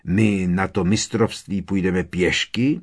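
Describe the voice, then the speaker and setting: A curious teenage wizard boy asking questions, as a man reads his lines. The voice stays low and plain. Storybook reading. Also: fairly even intonation.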